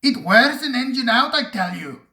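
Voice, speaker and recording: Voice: mid-range voice, slow, creaky, bright, forceful tone, exaggerated voice. A reader voicing a sulky, self-pitying steam engine that grumbles and complains, read from a storybook in a roomy space. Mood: complaining. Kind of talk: storybook reading.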